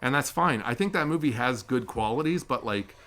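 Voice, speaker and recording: A man's voice: medium pitch, lively intonation, a little fast, a bit bright. A young man hosting a casual chat, rambling and self-correcting with a joking streak. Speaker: podcast host. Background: dogs.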